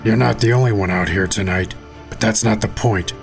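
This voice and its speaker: Playing a hard, blunt soldier who is second in command, an actor delivers stern, scornful challenges in a gravelly male voice for an audio drama. His voice is on the low side and brisk, with faint music behind him.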